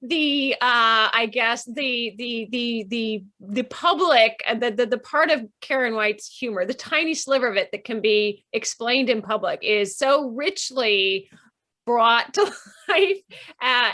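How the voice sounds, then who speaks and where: A woman hosts a conversation with a friend over a video call. Her voice is bright and fairly high-pitched, and she talks in a gushing, chatty way that keeps breaking into laughter. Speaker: interviewer and co-author. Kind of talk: casual chat on a video call.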